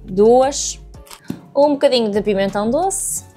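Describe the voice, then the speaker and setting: A young woman with a European Portuguese accent hosts a casual cooking tutorial from her home kitchen, chatting to viewers as she cooks. She speaks in a mellow, higher-pitched voice at a measured pace, backed by soft music.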